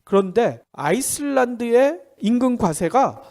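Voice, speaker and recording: A man hosts an economic briefing with a stuffed-up nose, sounding pinched and nasal from a cold. His pitch swings in a very lively way. He explains things conversationally, posing questions and answering them himself. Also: measured pace. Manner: chatty explainer who asks and answers own questions. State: congested with a head cold. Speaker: economic news podcast host.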